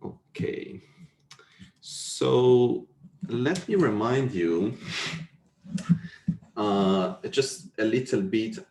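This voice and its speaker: A university lecturer with a lowish, darkish voice explains technical material over an echoey online video call from indoors. He checks his listeners' understanding by asking questions.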